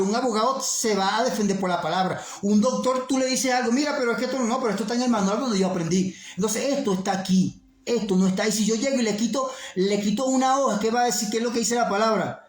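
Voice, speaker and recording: A man preaching an earnest, insistent sermon, repeating his points. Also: high-pitched. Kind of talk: fervent sermon. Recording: roomy echo with faint music.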